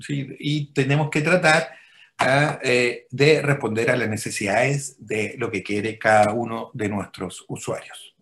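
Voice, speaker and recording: A Chilean man, a physician interviewed as a guest over a video call, explains his work patiently and often checks in with his listener. His voice is medium-pitched, steady, and fairly bright, and he speaks unhurriedly.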